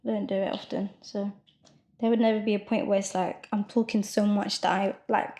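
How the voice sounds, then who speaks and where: A woman co-hosting a podcast, chatting casually and quick to protest in an exasperated way. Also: medium pitch, flat delivery, warm tone. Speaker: podcast co-host. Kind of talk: casual chat.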